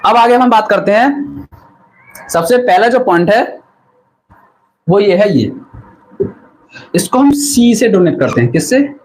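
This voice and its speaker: A man with a fairly high voice teaches a physics class during an online stream. He asks a question, then answers it himself and says the term again for the viewers to note down. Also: sing-song, slow pace, long pauses, poor audio. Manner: repeats key terms and quizzes the viewers. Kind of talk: live online lesson.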